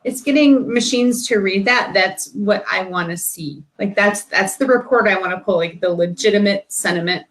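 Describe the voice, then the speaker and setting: A woman co-hosts a live web show and chats informally. Her pitch sits in the middle range, and her speech is loose and conversational, full of "like.". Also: normal speed, few pauses, poor audio. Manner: casual, says "like" often. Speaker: co-host. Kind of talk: casual chat.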